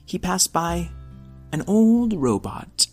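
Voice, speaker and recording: A man's voice: sits high, big pitch swings, slow pace, faint music behind. A man narrating a scripted story for children as a storyteller.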